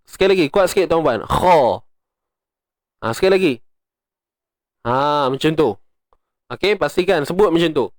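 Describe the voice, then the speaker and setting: A man's voice: fairly high pitch, lively intonation, brisk, pauses often, dry recording, studio quality. A man with a Malaysian Malay accent teaching Quran recitation rules, explaining step by step and chanting verses in a raised voice. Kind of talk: tajwid lesson with recitation.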